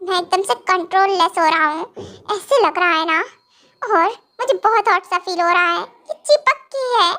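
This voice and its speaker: A woman's voice: very high voice, normal speed, sharp tone. A woman voicing a stern, possessive young husband in a fan audio drama, scolding and then coaxing.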